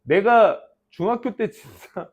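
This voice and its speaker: A middle-aged man teaching an English class, talking to students in a lively, playful storytelling way. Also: high-pitched, slow pace, dull audio. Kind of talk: lecture to students.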